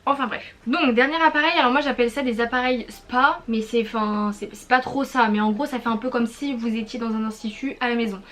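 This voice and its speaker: A woman's voice: a little high, fairly even intonation, a little fast, few pauses, fairly bright tone. A young woman, chatting casually in a product review vlog, rambling with lots of fillers and restarts. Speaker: YouTuber.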